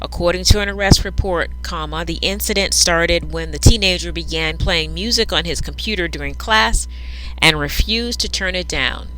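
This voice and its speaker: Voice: medium pitch, moderate pace, pushed and bright, slight background noise, low-quality recording. A news reader dictating a script aloud, speaking each punctuation mark and paragraph break between the sentences.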